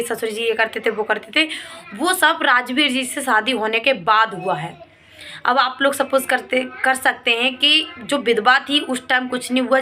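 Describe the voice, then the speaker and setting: A woman vlogger with a high-ish, sharp voice gives opinion commentary directly to her viewers. She's emphatic and reproachful, hammering home repeated points.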